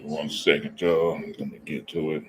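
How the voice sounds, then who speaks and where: A man's voice: flat delivery, moderate pace. A man hosting a live reaction stream, talking casually and rambling, with fillers and self-corrections. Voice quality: very deep voice. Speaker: reaction channel host.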